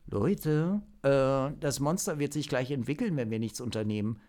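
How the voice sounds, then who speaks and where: A man voicing an excitable young man who calls out in alarm, talking in a hurried, raised voice. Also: on the high side, voice pushed up.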